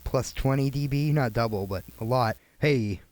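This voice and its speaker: A man's voice: medium pitch, moderate pace, a little mellow. A man from Canada chatting casually to viewers while testing studio microphones, thinking aloud with fillers. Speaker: video creator testing microphones. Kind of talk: casual gear review talking to viewers. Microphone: switching between studio dynamic microphones.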